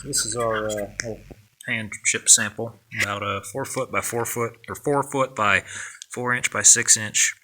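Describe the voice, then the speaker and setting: A man with a very sharp, bright, forceful voice walks viewers through an underground mine. His delivery is casual and plain-spoken, and he often halts on fillers as he goes. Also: lowish voice, fairly even intonation, normal speed, a little hiss or hum. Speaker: mining vlog host. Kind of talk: casual on-site walkthrough.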